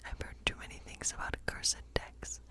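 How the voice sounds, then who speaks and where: A woman whispers an ASMR role play as a whimsical witch reading tarot, musing softly in a breathy, unhurried voice.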